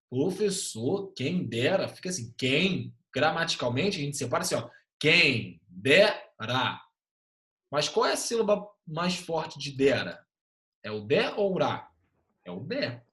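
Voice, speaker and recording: A man teaching an online class in a lively way, often checking in with quick tag questions. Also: a little high, roomy sound.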